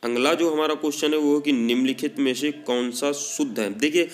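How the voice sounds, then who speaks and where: Hindi-speaking man teaching exam spelling. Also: fairly high pitch. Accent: Hindi, north Indian. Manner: repeats words slowly, leans on "हमारा" filler. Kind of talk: online spelling lesson.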